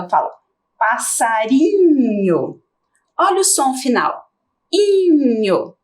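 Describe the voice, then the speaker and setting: A middle-aged Brazilian woman teaching young children in a TV lesson, stretching key words slowly and clearly. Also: high voice. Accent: Brazilian Portuguese.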